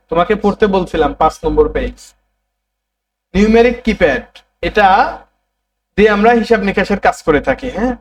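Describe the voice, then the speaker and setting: A man's voice: high-pitched, muffled recording. A man teaching a computer class, repeating terms and prompting students to say them back. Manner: repetitive, drilling students to answer back. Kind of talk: classroom lesson.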